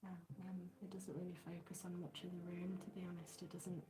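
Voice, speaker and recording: A woman with a cold and a stuffy voice, chatting gently and apologetically in a soft-spoken ASMR craft livestream from her living room on a smartphone. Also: fairly low pitch, little pitch movement, a little fast, low-quality recording. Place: living room, at a folded dining table.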